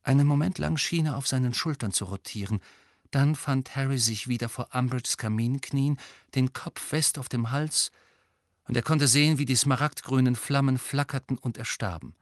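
A man reads an audiobook in a steady, even storytelling style, delivering scripted narration at normal speed and medium pitch. The recording is studio quality with no room sound.

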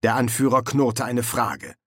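A man narrating an audiobook with a lively storytelling delivery on a close microphone. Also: mid-range voice, unhurried, dry recording. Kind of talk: scripted narration.

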